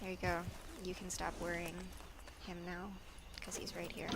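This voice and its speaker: A woman's voice: fairly low pitch, completely flat delivery, moderate pace, creaky, fairly bright tone, a little hiss or hum. A woman in an online western role-play, talking bluntly and swearing freely, sounding frazzled. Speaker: streamer playing a frontier doctor in online role-play.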